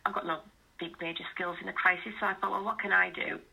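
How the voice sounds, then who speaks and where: A woman's voice: on the low side, level tone, fast talker, creaky, pushed and bright, breathy edge. Chatty woman on a phone line. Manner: chatty, laughs easily. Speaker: guest illustrator. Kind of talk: casual radio phone chat.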